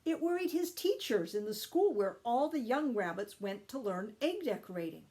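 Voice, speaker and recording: A woman reading a children's story aloud with expressive, deliberate emphasis. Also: on the high side. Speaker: storytime reader, teacher.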